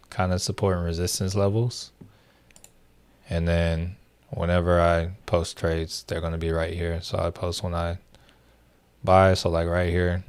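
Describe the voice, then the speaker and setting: A young man hosts a livestream, chatting loosely with viewers in a low-pitched voice that's clear and resonant. His talk rambles, packed with fillers and restarts.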